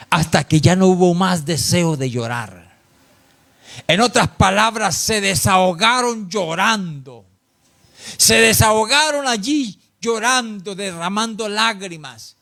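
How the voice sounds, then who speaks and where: A man's voice: on the high side, creaky, fairly bright tone. A man preaching a sermon in church, emphatic and repetitive, often addressing his listeners as brother. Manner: emphatic, repeats phrases, addresses "hermano".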